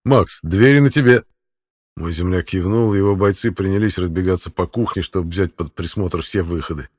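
A man reading an audiobook in a measured, even narration. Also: sits low, breathy edge. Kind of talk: scripted narration.

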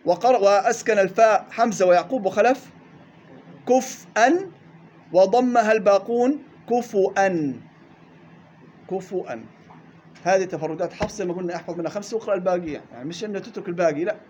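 A man teaching a tajweed lesson in a classroom, listing reading variants briskly and drawing out the recited words slowly. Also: sits high, darkish tone, slightly rough, lo-fi sound.

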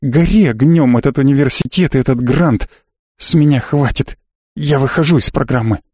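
A man's voice: mid-range voice, moderate pace, darkish tone, no room sound, clean studio sound, lightly acted. A man voicing a fierce young woman who speaks in a mocking, cold and harsh way. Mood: scornful.

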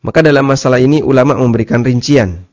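A man giving a religious study lecture, explaining slowly, repeating key terms and asking listeners rhetorical questions. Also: medium pitch, darkish tone. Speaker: Islamic teacher. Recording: dull lo-fi lecture recording.

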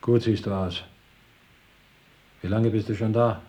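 An actor playing a rich, stingy older uncle who grumbles about money and flares up loudly in a radio drama. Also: male voice, fairly low pitch, steady tone, a little slow, lo-fi sound, close to an everyday voice. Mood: grumbling. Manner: grumbling, flares into loud outbursts.

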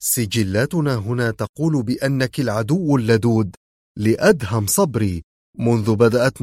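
A man reading as a smug calm villain. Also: mid-range voice, no echo, studio quality, lightly acted. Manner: quiet, mocking and unhurried.

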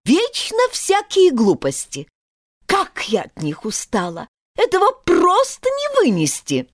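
A woman's voice: high voice, huge pitch swings, slow pace, no echo, studio quality, voice pushed up, full character voice. A woman voicing a touchy, grumpy little mouse that scolds and takes offence, in a storybook. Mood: offended.

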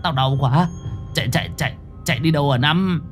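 A man's voice: on the low side, wildly swooping pitch, normal speed, soft background music. A man doing a stammering scared young drunk. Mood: panicky. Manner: whiny, stammering.

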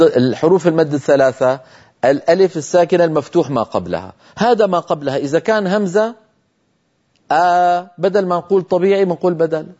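A middle-aged man gives a recitation lesson in a mellow, warm voice. He exhorts his listeners earnestly and stretches vowels out to show how they sound. The audio is dull and lo-fi, like an old broadcast. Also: on the high side. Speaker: Quran recitation teacher. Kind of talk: tajweed lesson lecture.

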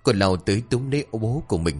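A man narrating a dramatic story with an expressive, rising and falling delivery. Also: on the low side, fast, slightly rough, faint music behind.

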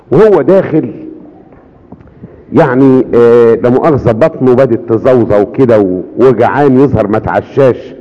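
Egyptian preacher telling stories in a hall. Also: male voice, medium pitch. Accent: Egyptian Arabic. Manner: lively storyteller, asks rhetorical questions. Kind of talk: sermon telling miracle stories. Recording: dull audio with long hall reverb.

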